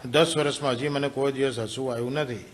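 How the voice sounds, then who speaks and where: A man's voice: medium pitch, steady tone, fast talker, big-room sound, voice pushed down, close to an everyday voice. A man voicing a weary, boastful middle-aged male doctor who speaks in a matter-of-fact way.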